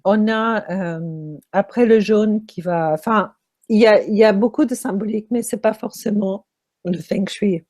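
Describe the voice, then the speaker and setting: A woman who is losing her voice speaks as a feng shui consultant answering interview questions, halting often with fillers. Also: mid-range voice, darkish tone. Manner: halting, many pauses and fillers.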